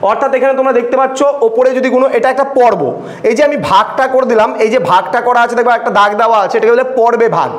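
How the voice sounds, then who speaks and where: A man's voice: very high-pitched, fast, roomy sound. A male tutor teaching a classroom lesson, patient, asking his students questions and repeating points.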